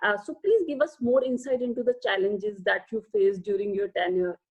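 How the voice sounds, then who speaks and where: Husky-voiced woman hosting a video interview. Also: medium pitch, brisk, a little mellow, dull audio. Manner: reads a formal introduction, then asks long questions. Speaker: interview host. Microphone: video call.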